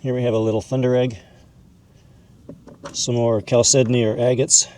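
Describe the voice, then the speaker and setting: A man with a medium-pitched, dark-toned voice speaks at normal speed with little pitch movement. He's a mineral hobbyist educator hosting an informal video, explaining and showing items folksily and calling them "this guy."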